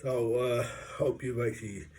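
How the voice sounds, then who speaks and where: A man chats loosely to his camera, upbeat and jokey. His voice is mellow and warm. He rambles and fills his talk with fillers. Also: mid-range voice, fairly even intonation, moderate pace, a little hiss or hum. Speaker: vlogger. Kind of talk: casual vlog monologue.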